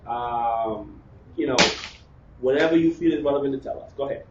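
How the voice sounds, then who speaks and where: A man's voice: medium pitch, a little fast. A man hosting a casual sports interview, chatty, with lots of fillers and repeated words. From Bahamas. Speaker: interview host. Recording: roomy, distant, dull with faint noise.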